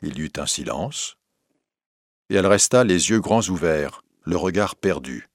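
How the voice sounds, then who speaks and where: A man narrating a classic novel aloud in a steady, measured reading. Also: low-pitched, no room sound, clean studio sound.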